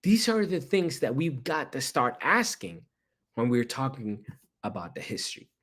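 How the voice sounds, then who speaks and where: A young Ethiopian-born man presents history in a casual spoken talk, his medium-pitched, slightly bright voice swinging widely in pitch at a moderate pace. He keeps it conversational, repeats himself, and poses rhetorical questions.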